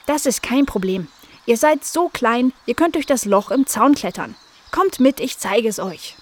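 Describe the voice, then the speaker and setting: A woman's voice: on the high side, lively intonation, a little slow, voice pushed up. A woman voicing a friendly young female dog who owns a garden and scolds her playful guests.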